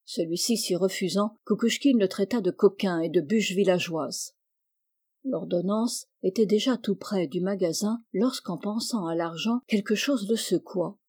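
A woman reading a classic short story aloud at a measured, even pace. Her voice sits at a middle pitch for a woman. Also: husky. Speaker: audiobook reader. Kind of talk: scripted narration.

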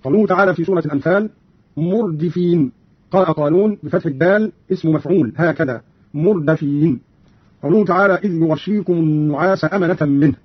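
A man giving a formal, scripted radio explanation of recitation variants, measured and exact. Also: a little high, slightly rough, dry recording. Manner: measured, formal, spells out readings. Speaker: radio presenter. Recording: dull lo-fi old radio recording.

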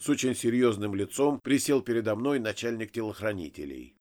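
A man narrating a first-person audiobook in an expressive reading. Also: lowish voice, a little fast.

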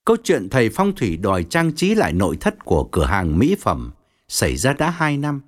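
A male storyteller reading an audiobook with a wry edge. His pitch is mid-range, but his delivery is highly animated and swings widely. He keeps the tale moving with expressive narration. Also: a little fast.

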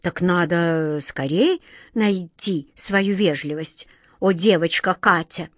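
A woman's voice: medium pitch, animated, unhurried, no room sound, studio quality. A woman voicing a big, dutiful and anxious male genie who speaks solemnly. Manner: solemn, formal, worried.

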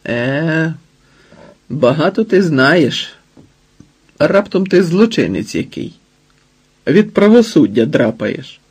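A man's voice: fairly high pitch, very animated, slow pace, pauses often, husky, voice pushed up, heavily acted. A man voicing a sly, greedy older male smuggler who haggles and asks predatory questions, in an audiobook. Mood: suspicious.

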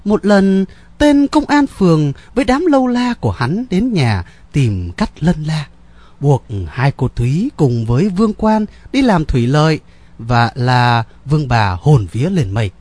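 A man narrating a story in a lively, ornate storyteller manner. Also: on the high side, unhurried, no room sound.

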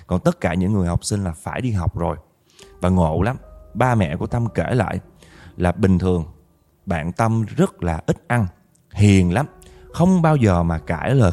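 A man tells a ghost story in a Southern Vietnamese accent, chatting with his listeners and speaking to them directly. His voice sits low, with a dark, mellow tone.

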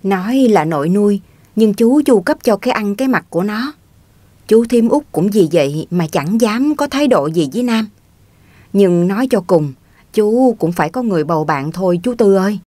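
A woman reading a story aloud as an audiobook narrator, in an even, plain way. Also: mid-range voice, normal speed, no room sound.

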